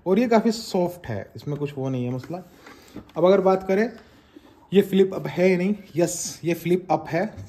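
Warm in tone, high-pitched and at a normal pace, a man from India in his thirties talks viewers through a casual helmet unboxing and review. He's indoors in a small home room where shelves hold trophies. He keeps it chatty, calling people "guys" and "friends" and weaving in English phrases.

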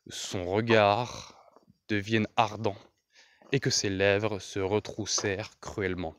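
A man reading a fantasy novel aloud as an audiobook narrator, with a measured, deliberate delivery. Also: on the low side, clear, resonant tone.

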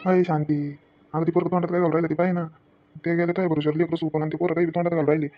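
A woman's voice: lowish voice, flat delivery, rapid-fire, lo-fi sound, voice pushed down, close to an everyday voice. A woman voicing a scolding elderly village grandmother who nags her daughter-in-law. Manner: scolding, nagging.

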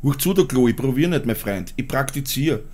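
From a small home studio, a Viennese-accented Austrian man in his forties vlogs and then delivers a spoken-word rap. His mid-range, slightly mellow voice is expressive and a little fast; the musician-vlogger is blunt, crude and laughs at his own jokes.

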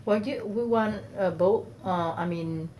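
Halting off-camera woman interviewer. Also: medium pitch, a little mellow, slight background noise, rough recording. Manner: hesitant, halting with many "uh"s. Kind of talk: interview questions.

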